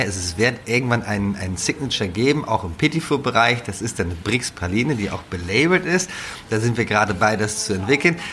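A man from northern Germany, a head chef, talking casually in an interview, with a relaxed, rambling manner and many fillers and restarts. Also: medium pitch, a little hiss or hum.

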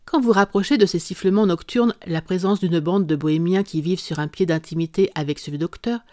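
A reader doing a calm, ironic detective. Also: mid-range voice, fairly quick, dry recording, clean studio sound, close to an everyday voice. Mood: composed, amused. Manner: composed, dryly amused, explanatory. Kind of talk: audiobook character reading.

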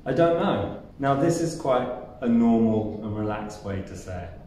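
A man's voice: mid-range voice, expressive, a little slow, warm tone, a little hiss or hum. A man with a New Zealand accent teaching English phrases, acting out each example with exaggerated intonation. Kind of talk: scripted language lesson. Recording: echoey room, mic at a distance.

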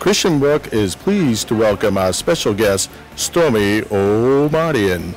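A man making a slow, formal store announcement over a loudspeaker. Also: on the low side, sing-song, faint music behind. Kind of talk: public address announcement. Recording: loudspeaker heard from far off.

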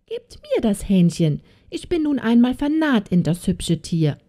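A woman voicing a greedy, flattering old witch with a cooing, sing-song voice. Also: on the high side, measured pace.

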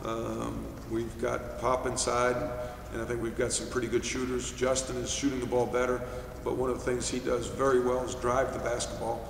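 A middle-aged man from New York, a basketball head coach answering postgame questions at a press table in a measured way, with many fillers and restarts. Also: mid-range voice, level tone, vocal fry. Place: press room, seated at table. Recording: echoey room, distant mic, faint hiss.

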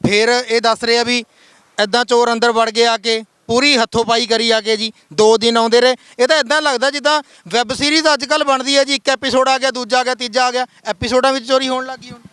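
A man reporting from the field, prompting the people he interviews with short questions and steady murmurs of agreement. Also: very high-pitched, fast talker, smooth, no room sound. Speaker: news reporter.

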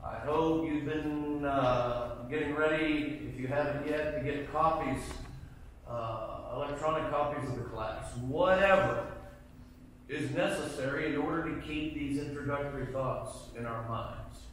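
A middle-aged man teaches a Bible class in a church sanctuary, speaking emphatically and often asking the class questions. His voice sits on the high side and he is unhurried. Picked up by a distant camera at the back of the room, the recording sounds echoey, with a little hiss or hum.

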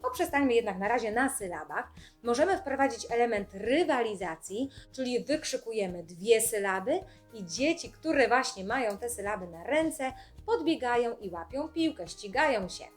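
Woman, young adult, speech therapist, instructional video, calm clear explaining, slightly high voice, faint background music. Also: moderate pace.

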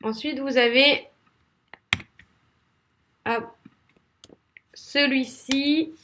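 A woman with a French accent gives an English pronunciation lesson in a slightly high, unhurried voice. She repeats each sound several times over and speaks directly to her viewers, encouraging them to try it themselves. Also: fairly even intonation, a bit bright, a little hiss or hum. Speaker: English teacher.

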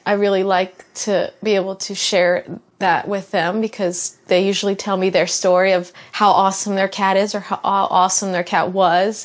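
A young adult woman, a tattoo artist, talking casually and earnestly in a documentary interview, often restarting her sentences. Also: medium pitch.

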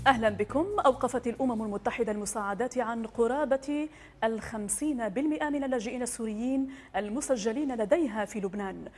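A woman's voice: a little high, fast, soft background music. A woman in her thirties reading formal news as an anchor in a television studio.

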